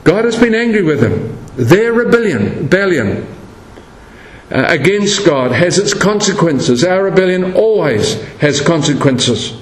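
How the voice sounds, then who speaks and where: A man's voice: high-pitched, very animated, a little slow. Preaching man in an echoey church. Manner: storytelling, acts out quoted voices. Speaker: pastor. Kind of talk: sermon. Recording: echoey room with faint background noise.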